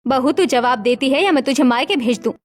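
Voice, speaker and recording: A woman's voice: sits high, fairly quick, natural voice. A woman voicing a strict, bossy middle-aged mother-in-law who scolds her daughter-in-law in a cartoon story. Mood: scolding. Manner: scolding, commanding.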